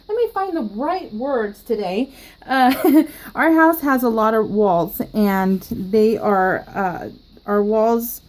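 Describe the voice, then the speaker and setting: A woman vlogs about planner crafting, chatting casually in a giggly, rambling way full of laughs and restarts. Her voice is medium-pitched with a darkish tone.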